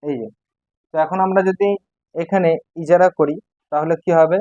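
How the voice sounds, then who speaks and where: A man's voice: fairly high pitch, fairly even intonation, moderate pace, mellow, no room sound, lo-fi sound. A man teaching Quran reading, spelling out letters one by one and repeating each syllable for learners. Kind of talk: step-by-step recitation lesson.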